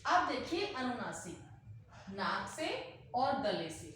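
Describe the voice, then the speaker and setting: A woman teacher explaining a grammar lesson slowly, repeating example words aloud to demonstrate. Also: fairly high pitch, big pitch swings, fairly bright tone, slight background noise. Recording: very echoey room, heard from a distance.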